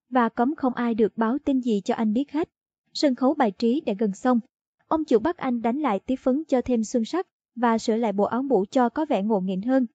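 A woman reading a short story aloud in a steady storytelling narration. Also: on the high side, husky, no echo. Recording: dull lo-fi dry audio.

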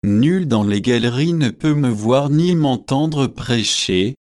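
A man voicing a pompous, earnest young male curate, speaking gravely and with self-satisfaction. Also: medium pitch, animated, slow, a little mellow, no echo, studio quality.

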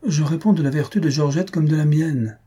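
A man doing a gentle middle-aged wife. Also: fairly high pitch, fairly quick, husky, voice pushed up. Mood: soothing. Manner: gentle, soothing.

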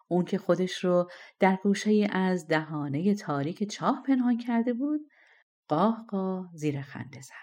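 A woman narrating a fairy-tale audiobook in an expressive storytelling manner. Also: lowish voice.

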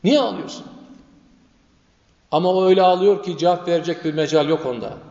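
A man's voice: on the high side, steady tone, rapid-fire, dark tone. Man, preacher, sermon storytelling, dramatic, repetitive, long reverb. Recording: echoey reverberant lo-fi room sound.

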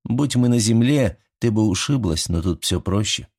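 Audiobook lover: male reader doing a patient, soothing young man, low and husky. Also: animated, moderate pace. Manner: soothing, soft-spoken. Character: calm, caring young man, gentle and patient. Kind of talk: audiobook character voice.

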